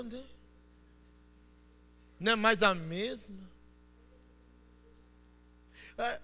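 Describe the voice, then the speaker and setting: A man with a Brazilian Portuguese accent preaching a Pentecostal sermon, shouting fervently and then dropping to soft storytelling. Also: very high voice, big-room sound. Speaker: pastor. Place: church.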